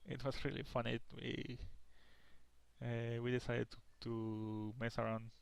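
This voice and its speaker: A man's voice: mid-range voice, flat delivery, a little slow, creaky, clean tone, dry recording. A young man giving casual gameplay commentary, rambling and tired, with lots of restarts and the odd curse word. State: tired, yawning. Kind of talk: casual let's play commentary.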